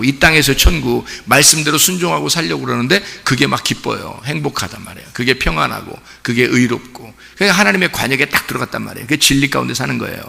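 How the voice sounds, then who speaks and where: In the sanctuary at Sunday service, a male pastor speaks to his congregation in a conversational way, often asking them rhetorical questions. His voice is medium in pitch, creaky, bright, and forceful, and the recording has a long church reverb.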